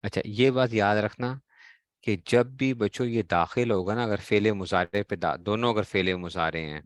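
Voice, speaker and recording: A man's voice: fairly low pitch, moderate pace, no echo, studio quality. A man with a Pakistani Urdu accent teaching a grammar class, explaining step by step and quizzing his students as he goes. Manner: explains in a question-and-answer style, quizzing students.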